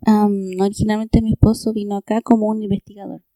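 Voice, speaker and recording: A woman with a mellow voice answers interview questions. She speaks in a calm, matter-of-fact way. The sound is dry and close. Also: mid-range voice, quick pace, dry recording. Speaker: interview guest.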